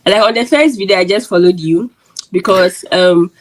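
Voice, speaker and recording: A woman's voice: on the low side, normal speed, poor audio. A woman from Ghana hosting her channel, chatty and filling her talk with "like". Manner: chatty, uses lots of "like". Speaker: YouTube host and interviewer. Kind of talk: casual interview chat.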